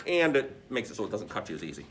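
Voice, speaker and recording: A man's voice: fairly low pitch, sing-song, fast, a bit bright. A man instructing like an experienced machinist, patiently explaining a hands-on demonstration step by step. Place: workshop beside a lathe. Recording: clear shop background noise.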